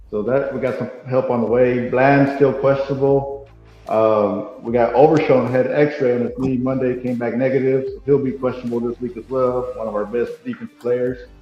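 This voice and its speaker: A man chatting casually as a podcast co-host over a video call, his voice ringing with big hall echo from a half-empty new room. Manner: easygoing, loose and chatty. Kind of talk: casual fan chat. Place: newly painted room still being set up. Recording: booming hall echo, dull lo-fi sound, faint music.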